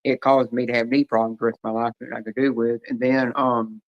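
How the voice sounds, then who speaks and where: A man's voice: medium pitch, little pitch movement, fairly quick. A man chatting casually on a stream, rambling through long stories. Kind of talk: casual chat. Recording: dull lo-fi stream audio.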